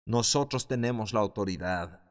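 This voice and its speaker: A man teaching a Bible class in a fervent preaching style, building to loud exclamations. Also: on the low side, moderate pace. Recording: long hall reverb.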